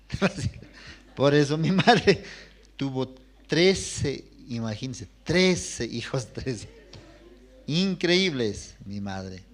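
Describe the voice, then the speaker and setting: A man preaching a sermon as a pastor. He tells personal stories in an animated way, jumping between loud and hushed speech. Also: mid-range voice. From Bolivia.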